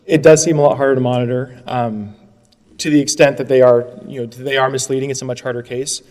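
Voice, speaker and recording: A man arguing as an attorney before an appeals court, brisk and earnest, often restarting his phrases. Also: medium pitch, steady tone, a little mellow. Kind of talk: courtroom oral argument. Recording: long courtroom reverb.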